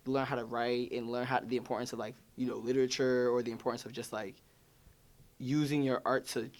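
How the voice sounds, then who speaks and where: Young new guy in his 20s rambling thru interview answers, lots of like and you know. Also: mid-range voice. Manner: loose and rambling, heavy use of "like". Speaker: featured artist. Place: studio or room.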